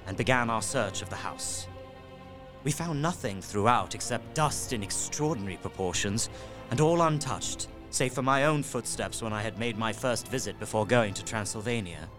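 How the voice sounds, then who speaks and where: Over music, an actor gives a tense, alarmed reading as an earnest young gentleman narrating his horror journal in an audio drama. His mid-range voice is animated but lightly acted, keeping a measured, literary and haunted manner.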